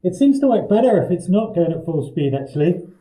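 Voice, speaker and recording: A man's voice: high-pitched, very animated, a little fast, dark tone. A man vlogging his home renovation, out of breath and sweating between bouts of demolition work. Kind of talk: casual vlog commentary. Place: indoor room under renovation. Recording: echoey bare room.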